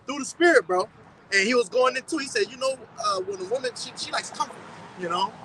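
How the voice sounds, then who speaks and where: High lively guy preaching bible stuff loose and street, faint outside noise. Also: fast, poor audio. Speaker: group Bible study leader. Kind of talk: casual scripture discussion.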